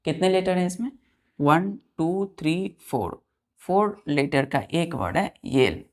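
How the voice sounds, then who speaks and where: A woman teaching a vocabulary lesson, slowly spelling words out letter by letter and often asking her students whether it is clear. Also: low-pitched, lively intonation. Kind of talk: classroom lesson.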